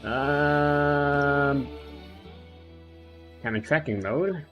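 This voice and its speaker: A man's voice: fairly high pitch, drawn-out words, dull audio. A man doing casual live game commentary as a streamer, rambling and hesitant in an offhand way. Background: plucked guitar game music.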